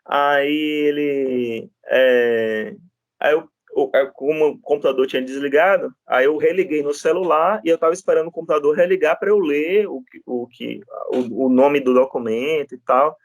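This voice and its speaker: Male lecturer, higher register, relaxed storytelling with many tag questions. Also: normal speed, dry recording. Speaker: law lecturer. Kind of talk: classroom lecture with anecdotes.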